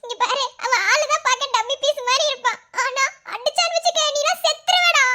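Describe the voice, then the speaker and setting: Very high, shrill feisty young wife. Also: female voice, fairly quick, pushed and bright. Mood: threatening. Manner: scolding, shrill, combative. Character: feisty kidnapped young wife, scolding and threatening, cartoonish. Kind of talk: melodramatic comic story dialogue.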